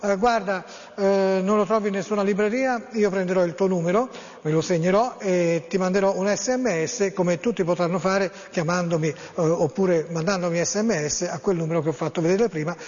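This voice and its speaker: Man, TV host, high voice, teasing, drawn-out fillers, long echo. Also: fairly even intonation, darkish tone, muffled recording. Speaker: TV host reading viewer text messages. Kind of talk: jokey live TV call-in chat.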